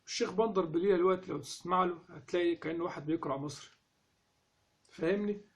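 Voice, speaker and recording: A man with an Egyptian accent giving a casual spoken lesson on recitation, lively and full of rhetorical questions. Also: high voice, racing, a little hiss or hum. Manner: animated, asks rhetorical questions. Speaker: instructor on Quran recitation.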